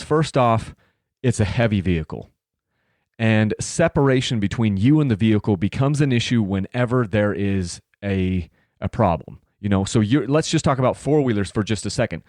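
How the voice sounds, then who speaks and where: Male podcast host, late 30s, lowish voice, loose rambling delivery; dry close mic. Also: animated, normal speed, darkish tone, no echo. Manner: rambling, many fillers and restarts. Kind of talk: casual solo podcast talk.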